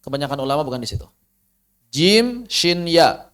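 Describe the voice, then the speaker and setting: A man teaching Quranic recitation, explaining and slowly repeating letter sounds to demonstrate them. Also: on the high side, big pitch swings, a bit bright. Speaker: tajwid teacher. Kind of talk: recorded lesson on Quranic pronunciation.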